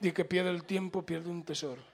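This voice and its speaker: This preacher, fielding questions from his congregation, speaks with a Latin American Spanish accent and a high, creaky voice. His tone stays steady at a moderate pace while the sermon itself is passionate, casual, repetitive, and full of prodding for responses.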